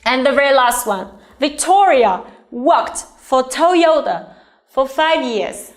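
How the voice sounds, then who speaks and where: A woman with a Vietnamese accent teaching an English grammar lesson, slow and deliberate, often checking in with her students. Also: sits high, animated. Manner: slow and deliberate, checks in with "all right?" and "okay?".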